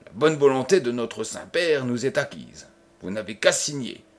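A man voicing a cold, menacing old nobleman who speaks with sinister calm. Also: mid-range voice, moderate pace. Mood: coldly menacing.

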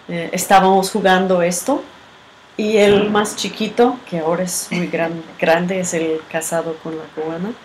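A woman giving a reflective teaching talk with a personal story. She speaks in a halting, unhurried way and often ends with a questioning tag. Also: lowish voice, poor audio. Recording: background noise.

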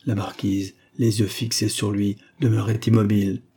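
A man narrating a classic novel as an audiobook in a measured, even manner. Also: on the low side, breathy edge.

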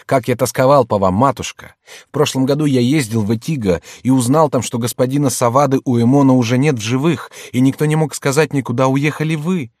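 A man's voice: mid-range voice, fairly quick, darkish tone, no room sound, clean studio sound, pitched above the performer's own voice, lightly acted. A man voicing an earnest young man reunited with his mother, speaking eagerly.

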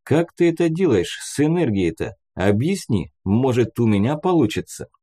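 A man's voice: medium pitch, sing-song, moderate pace, mellow. A man doing a casual young squadmate. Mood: curious. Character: curious young male squad member.

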